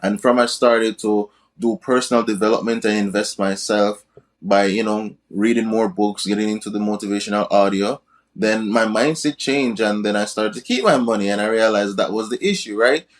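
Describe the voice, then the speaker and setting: His voice is lowish and his speed normal: a young man from Jamaica, guesting on a podcast in an easygoing interview. A crypto and business coach, he habitually tags his sentences with "right?".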